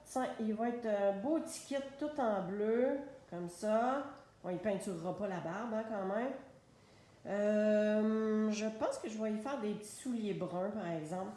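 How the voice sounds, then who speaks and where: Slow-talking Québécois woman in an echoey room. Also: medium pitch, warm tone. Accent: Québécois French. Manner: chatty, unhurried, narrating while she colors. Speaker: craft demonstrator. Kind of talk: live stamping and coloring tutorial. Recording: very echoey room, faint noise.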